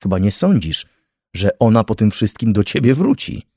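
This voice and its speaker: A man voicing a snappish, mocking young woman in an audiobook, barely changing his own deep voice. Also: very animated, normal speed, mellow, breathy edge, no echo, full character voice. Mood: snapping, scornful. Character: angry young woman, sharp-tongued twin sister.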